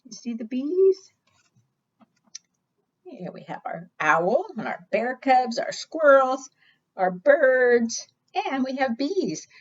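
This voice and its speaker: A woman with a high-pitched voice leads a preschool storytime, reading aloud slowly with big pitch swings and long pauses. She reads expressively and asks her young listeners questions, and the recording sounds dull and lo-fi.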